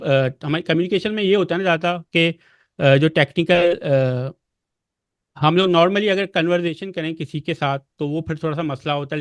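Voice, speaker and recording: A man giving patient, repetitive advice on a live video call, pausing often with fillers. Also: on the high side, clear, resonant tone, no echo. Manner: patient, repetitive instructional delivery with many fillers. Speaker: guest expert on freelancing. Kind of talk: live online session advice talk.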